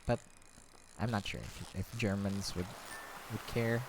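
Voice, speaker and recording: Slow-talking man rambling over gameplay. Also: on the low side, fairly even intonation, slight background noise. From Philippines. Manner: rambling, many fillers, easily sidetracked. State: slightly out of breath. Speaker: gaming vlogger. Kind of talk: casual chat while playing a game.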